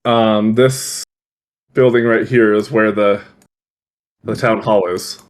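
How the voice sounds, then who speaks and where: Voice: mid-range voice, steady tone, takes it slowly. A game master narrating a tabletop role-playing session in a loose, laughing way.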